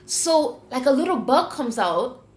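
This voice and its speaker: Woman, Jamaican accent, lively storytelling, podcast host, roomy echo. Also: sits high, a little slow. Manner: animated, acts out voices when retelling. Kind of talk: casual storytelling chat.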